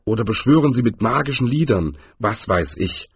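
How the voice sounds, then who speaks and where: A man's voice: medium pitch, lively intonation, normal speed, breathy edge, no room sound. A man voicing a nervous, put-upon male wizard who talks in a hesitant, wary way in an audiobook. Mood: musing.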